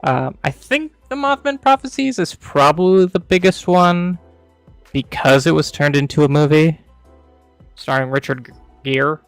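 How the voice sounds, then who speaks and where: A man's voice: fairly high pitch, animated, normal speed, clear, resonant tone, no room sound, soft background music. A man co-hosting a casual book review show, chatty, laughing often and tripping over hard words. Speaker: podcast co-host.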